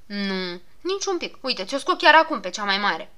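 A woman's voice: medium pitch, sing-song, bright, forceful tone. A woman voicing a fussy, grumbling male gnome doctor who coaxes and scolds in a storybook reading. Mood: fussing. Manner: soothing then scolding, fussy.

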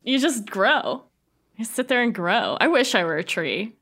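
A woman's voice: a little high, big pitch swings, a little slow, fairly bright tone. A woman hosting a podcast, chatting casually and retelling film scenes with lots of laughter. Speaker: podcast host.

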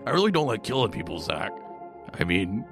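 Male tabletop player, gravelly, simple plainspoken delivery, music behind. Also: lowish voice, big pitch swings, fairly quick, fairly bright tone. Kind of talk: tabletop role-play in character.

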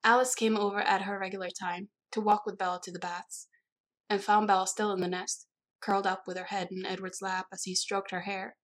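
A woman's voice: medium pitch, flat delivery, fairly quick. Woman reading a story aloud. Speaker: audiobook reader. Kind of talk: scripted narration.

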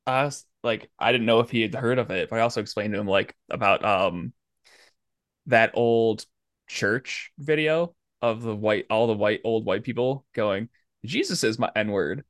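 Animated male podcast co-host, dry sound. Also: on the low side, normal speed, no echo. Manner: animated storyteller, laughs often. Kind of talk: casual chat.

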